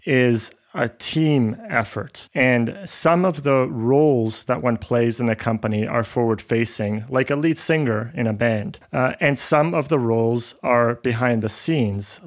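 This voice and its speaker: A man who grew up in Canada, a scientist-entrepreneur guest on a podcast, giving measured, articulate, long-winded answers. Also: mid-range voice. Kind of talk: casual interview talk.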